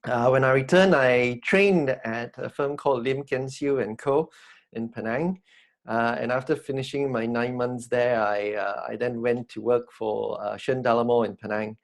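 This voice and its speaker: A man from Malaysia introduces himself on a live online panel. His delivery is polite and halting, with pauses while he gathers his words. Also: medium pitch, fairly even intonation. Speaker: guest lawyer.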